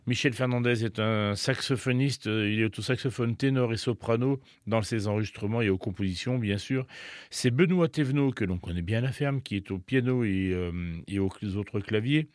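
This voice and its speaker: A man's voice: fairly low pitch, moderate pace, dry recording, clean studio sound. A man hosting a local radio jazz show, talking casually with many hesitations and restarts.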